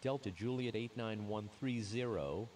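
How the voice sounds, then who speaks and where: A man's voice: on the low side, moderate pace. A man reading clipped air traffic radio calls, heard as distant radio chatter bleeding through under other talk. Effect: distant radio chatter bleeding through under the main talk. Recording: distant radio audio picked up from far off.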